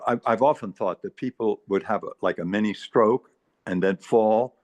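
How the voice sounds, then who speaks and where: An eighty-five-year-old man in casual group chat, speaking haltingly with repeated words while earnestly giving advice. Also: fairly low pitch, dry recording. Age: 80s. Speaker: meeting participant. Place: retirement community.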